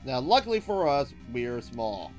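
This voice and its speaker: A man's voice: medium pitch, big pitch swings, unhurried, a little mellow. A man hosting a let's play, giving casual commentary and thinking aloud hesitantly as he goes. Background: game music.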